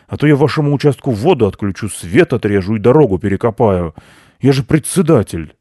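A man voicing a greedy, fat male garden-plot chairman who shouts and whines. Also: medium pitch, animated, no echo, studio quality, close to an everyday voice. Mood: angry shouting. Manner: loud, shouting, drawn-out whining.

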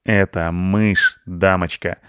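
A man voicing a boastful, scrappy red village tomcat who talks in a rough, folksy way. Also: fairly low pitch, normal speed, no room sound, clean studio sound, close to an everyday voice.

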